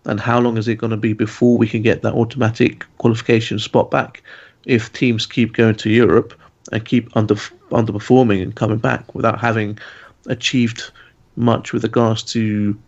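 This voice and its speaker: Mężczyzna o płaskim, chrapliwym głosie. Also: male voice, lowish voice, level tone, normal speed. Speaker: podcast co-host. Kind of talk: casual podcast discussion. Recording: dull lo-fi sound.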